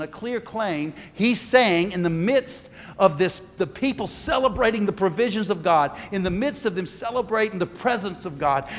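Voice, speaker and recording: A man preaching a sermon in a church, emphatic, pausing and restarting his sentences. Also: high voice, a bit bright, long reverb tail. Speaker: pastor.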